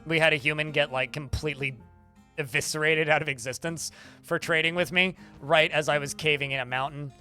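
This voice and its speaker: A man talks his way through a game on a live stream, rambling to his chat in an even tone that some listeners take for irritation. His voice is bright and forceful and sits a little high, and faint game music plays underneath. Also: brisk. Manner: talks in a flat tone that some hear as annoyed; chatty, rambling asides to chat. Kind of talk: live-stream gameplay commentary.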